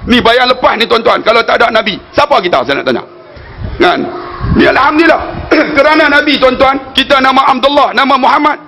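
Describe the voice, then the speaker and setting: High-voiced preacher man, northern Malaysian accent. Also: lively intonation, fairly quick, gravelly, sharp tone, slight background noise. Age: 40s. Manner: storytelling, keeps addressing the audience as "tuan-tuan"; jokey asides to the crowd. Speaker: religious preacher. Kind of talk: religious lecture.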